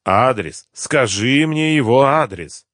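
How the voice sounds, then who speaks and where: A man's voice: on the high side, very animated, measured pace, fairly bright tone, no echo, clean studio sound, pitched above the performer's own voice, full character voice. A sneering gang boss, as a man reads him. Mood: threatening. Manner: sneering, bullying interrogation. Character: menacing male gang boss, mocking and cruel.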